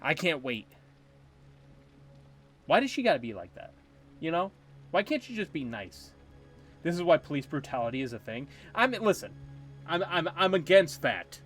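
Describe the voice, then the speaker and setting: A man commenting on a game he plays as a streamer, animated and ranting. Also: a little high, moderate pace, soft background music. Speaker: gaming streamer. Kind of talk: let's play commentary.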